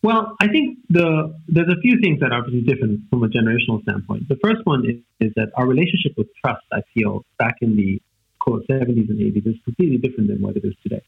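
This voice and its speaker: A fast-talking, animated man with a gravelly, husky mid-range voice appears as a guest on a tinny phone-quality recording. He's from Austria, in his forties, and a native German speaker, reflecting haltingly with plenty of fillers and "right?" tags.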